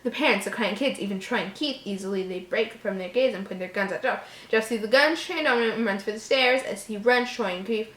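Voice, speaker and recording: Hosting a read-aloud of a horror story, this woman speaks briskly at medium pitch with few pauses and a fairly bright tone. She trips over words and drops in exasperated, mocking commentary, all in an echoey room.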